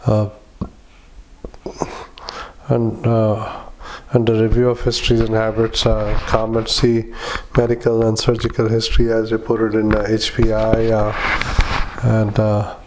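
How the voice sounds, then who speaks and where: A man doing medical dictation in halting, clipped fragments, speaking punctuation aloud as a clinician recording patient notes. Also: fairly low pitch, completely flat delivery, background noise. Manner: halting, fragmented clipped phrases with frequent long hesitations.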